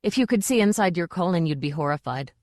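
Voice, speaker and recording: A woman's voice: on the low side, animated, fast, a little mellow, dry recording, clean studio sound, lightly acted. A woman voicing a prim witch who lectures sharply and snaps at people. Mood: snappish. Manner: snappish, lecturing.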